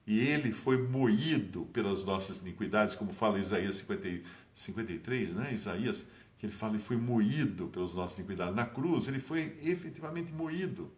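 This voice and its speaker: Male preacher, conversational teaching tone, animated delivery with big pitch lifts, roomy recording. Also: fairly quick, hardly any pauses. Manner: animated, dramatic rises in pitch on key phrases. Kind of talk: informal Bible teaching.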